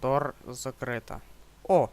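Playful young man with a smooth voice. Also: mid-range voice, slow pace, a little mellow. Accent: Ukrainian. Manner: joking, yelps "whoa" when startled. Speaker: let's play gamer. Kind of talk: horror game commentary.

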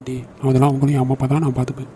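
A man's voice: mid-range voice, monotone, racing, mellow, a little hiss or hum, natural voice, rough recording. A man voicing a caring young brother and loyal friend in a cartoon, brotherly and teasing. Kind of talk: cartoon dialogue acting.

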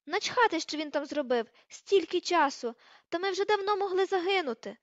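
Brief: woman narrator doing a fierce teen witch girl, high shrill scolding shouts, dry slightly dull recording. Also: lively intonation, normal speed, no echo. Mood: furious shouting. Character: furious teenage girl witch, fierce and sharp-tongued.

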